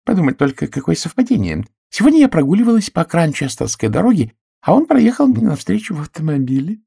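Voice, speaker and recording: A meek, placid older spinster with a mild, soothing way of talking, as a male audiobook narrator puts her on. He lifts his voice far up into a high, bright register. It is a storybook reading with a dry, close sound. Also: big pitch swings, fast, vocal fry, slightly rough, dry recording, full character voice.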